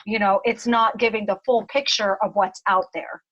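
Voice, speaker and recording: A woman's voice: mid-range voice, fairly even intonation, moderate pace, a bit bright, dull audio. A woman hosting a casual group chat, talking in a rambling way and repeating words as she works out her thought. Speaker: group host.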